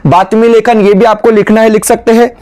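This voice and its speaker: A man's voice: sits high, little pitch movement, brisk, darkish tone. A man teaching an exam-prep lesson to students, explaining step by step and often slipping in filler phrases.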